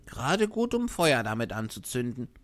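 A woman's voice: extremely low pitch, sing-song, moderate pace, no room sound, pitched below the performer's own voice. A woman voicing a teasing, sensible village boy who mocks the puppet's offers. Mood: mocking.

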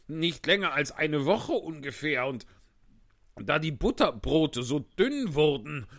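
A man's voice: a little high, big pitch swings, slow pace, a bit bright, dry recording, studio quality, pitched above the performer's own voice, full character voice. A man voicing a timid, trembling hatter in a storybook reading, pleading in a quavering voice.

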